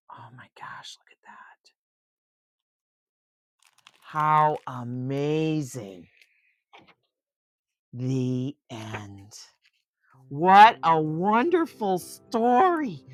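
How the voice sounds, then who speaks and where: This is a storybook read-aloud with chatty asides, hosted by an older woman who addresses young listeners directly with effusive exclamations. Her pitch is low, and the studio-quality recording is dry.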